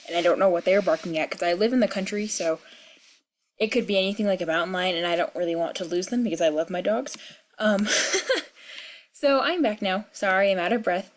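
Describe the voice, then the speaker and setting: A woman's voice: lowish voice, brisk. A young woman with a cold rambling through casual gaming commentary at home, chatty and full of fillers and asides. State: sick with a cold, clearing throat. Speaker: gaming vlogger. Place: at home in the country.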